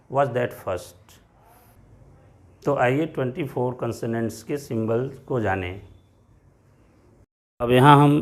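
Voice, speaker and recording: A man teaching pronunciation, explaining each letter and its sound slowly and patiently. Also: mid-range voice. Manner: slow, patient, spelling out letters and sounds one by one. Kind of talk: explaining phonetics lesson.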